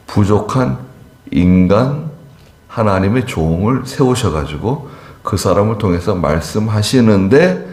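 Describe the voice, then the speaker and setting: A male pastor preaching a sermon in an emphatic, animated way, often turning to the congregation with asides. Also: lowish voice. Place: church sanctuary. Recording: echoey church hall.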